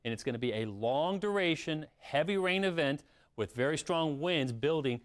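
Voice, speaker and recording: A man's voice: a little high, lively intonation, normal speed. A man giving live TV weather commentary, explaining with emphasis. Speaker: TV weather forecaster.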